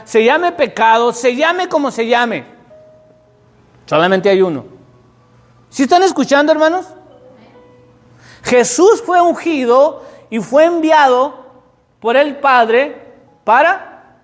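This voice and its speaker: High-voiced preacher in a hall. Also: male voice. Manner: storytelling preacher, rising to emphatic peaks, asks the congregation questions. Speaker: pastor. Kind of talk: sermon.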